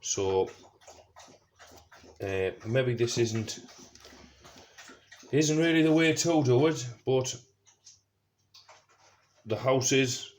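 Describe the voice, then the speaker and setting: This DIY car project presenter has a medium-pitched, slightly mellow voice and speaks very slowly, with long pauses. In a casual hands-on tutorial, he narrates each step and thinks aloud as he works, captured on a noisy amateur recording with clicks.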